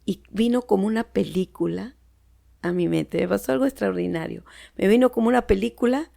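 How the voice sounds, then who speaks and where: Speaking as a podcast guest with a Peruvian Spanish accent, this woman offers heartfelt personal testimony in casual chat, frequently sinking to almost a whisper. She talks a little fast in a warm, mid-range voice with vocal fry.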